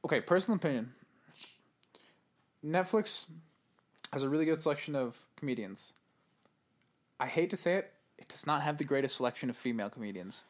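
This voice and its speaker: A man's voice: fairly high pitch, lively intonation, fairly quick, pauses often. A man in casual chat about comedians, rambling, swearing often and retelling jokes in put-on voices. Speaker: co-host.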